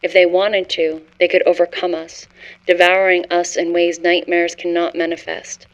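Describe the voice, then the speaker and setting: A woman's voice: lowish voice, monotone, moderate pace, muffled recording, close to an everyday voice. A woman narrating a scripted horror story as a haunted scholar, in a grave, literary first-person manner. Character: haunted scholar confessing forbidden cosmic horror discovery.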